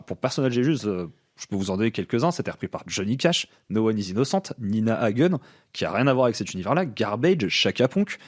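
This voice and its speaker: Chatty man with a lowish voice. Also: a little mellow. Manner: enthusiastic, frequent fillers and restarts. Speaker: podcast co-host. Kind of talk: casual music chat.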